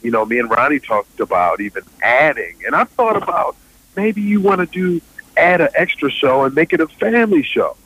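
A man, a stand-up comedian guest, joking with deadpan delivery and lots of fillers. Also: fairly high pitch, moderate pace, breathy edge, rough recording. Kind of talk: joking interview banter.

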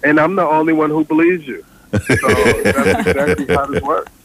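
A man, a stand-up comedian guest, joking with deadpan delivery and lots of fillers. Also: a little high, normal speed, a crowd in the background, low-quality recording. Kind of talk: joking interview banter.

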